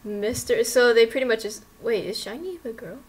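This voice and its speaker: A woman's voice: fairly high pitch, brisk, rough recording. Hesitant, stammering young woman. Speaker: guest on call. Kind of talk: casual chat. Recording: faint background noise.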